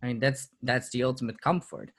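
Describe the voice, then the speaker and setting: A man's voice: medium pitch, fairly even intonation, a little fast, fairly bright tone. A man talking as a podcast guest in casual interview chat, reflective, laughing often and repeating words as he restarts.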